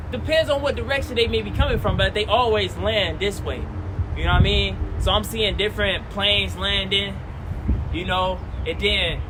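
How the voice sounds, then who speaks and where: A high-voiced man in his twenties rambles through a loose, casual outdoor vlog, circling back to the same phrases again and again. He is recorded on a phone, with cars and city noise rumbling clearly behind him. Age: 20s. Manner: rambling, repeats phrases, colloquial. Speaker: streamer. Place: outdoors near traffic.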